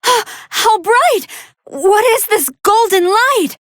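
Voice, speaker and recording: High-pitched, polite android scientist commentator Android 21. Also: female voice, very slow, no echo, studio quality, heavily acted. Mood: amazed. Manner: formal, precise, earnest, expressive. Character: polite, soft-hearted female android scientist commentating fights. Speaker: match commentator. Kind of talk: scripted video game fight commentary.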